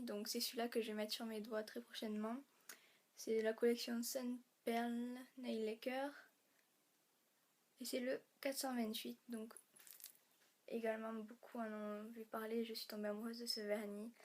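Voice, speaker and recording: A young woman from France with a lilt, talking through a makeup haul in a chatty, stop-start way. Her voice sits a touch high and is fraying, as if she is losing it, with the odd throat clear. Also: little pitch movement, a little mellow. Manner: chatty, halting, many fillers and restarts. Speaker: beauty vlogger. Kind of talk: casual haul vlog.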